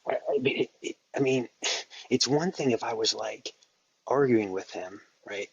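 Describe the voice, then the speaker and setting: A shaken man on a live audio chat, talking in halting, apologetic bursts full of stammers. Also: medium pitch, slightly rough, no room sound, highs cut off. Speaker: Clubhouse speaker.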